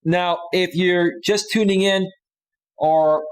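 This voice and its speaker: A man's voice: high-pitched, steady tone, takes it slowly, smooth, rough recording. A man in his forties hosting his own live stream, talking casually and rambling with frequent restarts. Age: 40s.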